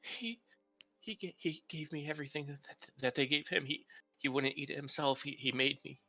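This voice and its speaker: A woman's voice: low-pitched, sharp tone, no echo, highs cut off, exaggerated voice. Man whispering as a frightened captive young woman. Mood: whispering grief. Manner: whispering, halting and stammering.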